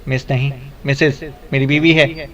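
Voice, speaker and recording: A man reading the part of a gruff, irritable retired colonel in an audiobook, speaking in a dry, curt way. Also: mid-range voice, level tone, fairly bright tone, recorded from a distance, muffled recording, close to an everyday voice.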